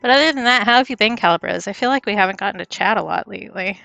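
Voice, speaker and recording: A woman's voice: mid-range voice, quick pace, vocal fry, sharp tone, no echo, soft background music. A young woman chatting casually on a livestream while she draws, rambling and stumbling over her words with self-deprecating asides. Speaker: streamer.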